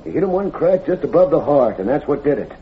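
A man's voice: a little high, big pitch swings, fast talker. A man playing a plain-spoken, good-natured rustic deputy in an old radio western, with a folksy American Western drawl. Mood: grave, insistent. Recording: tinny, noisy old radio recording.

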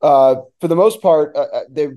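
Here a New Jersey native, a radio play-by-play announcer, talks sports casually as a guest. His voice runs on the high side with a dark tone and a moderate pace, and he frequently restarts words as he works through his thoughts out loud.

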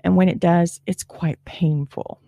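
A woman with a lowish, dark and relaxed voice narrates true crime like a suspenseful crime show. Her phrasing is deliberate and grave, with dramatic pauses. The sound is close and very dry. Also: vocal fry, no echo. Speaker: true crime podcast host. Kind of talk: true crime narration, partly scripted with spoken asides.

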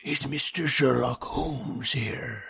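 Man putting on a wheezing old sailor, gravelly and stubborn. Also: mid-range voice, pushed and bright, heavily acted. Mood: petulant. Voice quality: gravelly, breathy, slow. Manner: petulant, obstinate, halting. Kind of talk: audiobook character reading.

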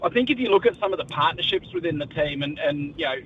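A man's voice: animated, quick pace, fairly bright tone. An Australian man chatting as a sports correspondent in a live radio interview, discursive and colloquial. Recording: muffled, low-fi line with faint noise.

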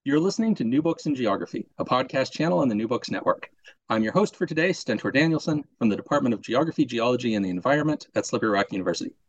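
A man hosting a podcast, giving a clear, formal introduction to his guests. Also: mid-range voice, lively intonation, racing, no room sound. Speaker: podcast host. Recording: dry lo-fi audio.

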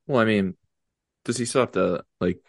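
A young man co-hosting a podcast, chatting casually and teasing his co-host with quick interjections. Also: lowish voice, no echo, clean studio sound. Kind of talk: casual chat.

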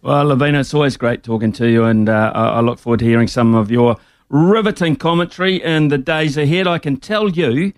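A man with a New Zealand accent hosting a casual live radio interview, halting and repeating himself as he mulls over his words. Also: medium pitch, smooth, no echo, clean studio sound. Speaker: sports radio host.

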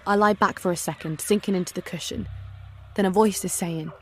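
A woman's voice: fairly low pitch, steady tone, fairly quick, fairly bright tone, slight background noise, close to an everyday voice. An actress playing a wry female protagonist, telling her story in first-person, present-tense dramatic narration. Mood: wry, absorbed.

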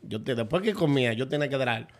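Dominican male co-host, mid pitch, laid-back storyteller. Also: expressive, fast talker. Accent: Dominican Spanish. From Dominican Republic. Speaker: podcast co-host. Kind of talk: casual chat.

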